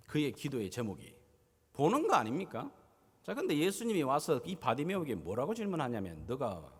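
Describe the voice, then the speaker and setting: A man preaching a sermon as pastor, dramatic, swinging his loudness and pitch as he acts out scenes. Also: slightly rough, in a large hall. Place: church sanctuary.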